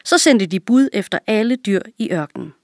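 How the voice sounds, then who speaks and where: Woman calmly reading a children's fable. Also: medium pitch, no room sound, studio quality. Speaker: reader.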